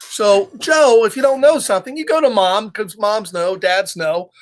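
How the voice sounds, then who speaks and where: A man whose voice sits high talks at normal speed while reading to children. It's a casual livestream storytime, and he keeps things playful, chatting directly with his young audience.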